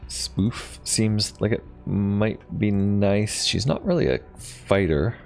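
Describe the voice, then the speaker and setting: A man's voice: fairly low pitch, expressive, slow pace, vocal fry, a little mellow, soft background music. A man casually thinking aloud while playing a strategy game, with lots of ums and hesitations. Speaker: gaming channel host. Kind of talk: casual let's play commentary.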